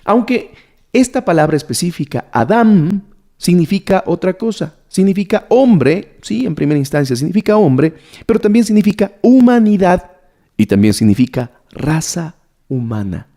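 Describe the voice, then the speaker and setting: With a high-pitched, warm voice full of big pitch swings, a man preaches at normal speed to a gathered audience. His sermon-style Bible teaching leans on repeated key words and frequent questions aimed at the listeners.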